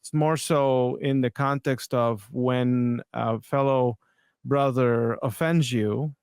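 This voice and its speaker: A man's voice: medium pitch, steady tone, takes it slowly, a little mellow, clear, resonant tone, no echo, clean studio sound. A man hosting a podcast, talking casually and a bit hesitantly as he comments on video clips. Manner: conversational, hesitant, with restarts. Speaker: podcast host.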